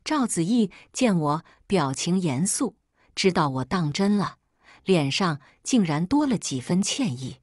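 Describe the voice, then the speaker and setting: A woman narrating a first-person family drama story in a calm, cool telling. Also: fairly low pitch, unhurried, no room sound, studio quality.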